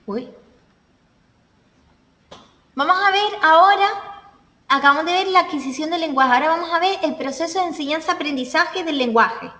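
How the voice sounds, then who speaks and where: A woman gives a classroom lecture in a high voice, walking through points with examples and pausing to check her listeners follow. The sound is roomy with a long reverb tail. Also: bright, forceful tone. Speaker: teacher. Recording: echoey room, voice from a distance.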